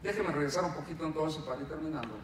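Male pastor, preaching a sermon, high voice, captured from afar in a very echoey hall. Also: rapid-fire. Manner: preaching with rhetorical questions and acted quotes. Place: church hall. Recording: very echoey hall, distant mic, faint hiss.

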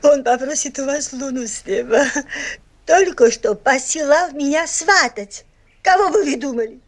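An actress playing a young man's excitable, fretful mother, exclamatory and teasing in a theatrical fairy-tale film. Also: high voice, moderate pace, lightly acted. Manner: exclamatory, dramatic.

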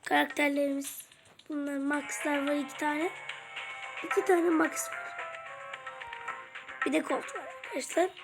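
Brief: groggy woman gamer, high voice, chatty play-by-play with game music behind. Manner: chatty, reacts aloud to the game. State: groggy, just woke up. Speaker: gaming channel host. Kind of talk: casual gameplay commentary.

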